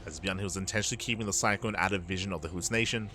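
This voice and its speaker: Over background music and a noisy backdrop, a man with a low voice commentates a live StarCraft match at a very fast clip. His style is analytical and explanatory, and he often repeats phrases for emphasis.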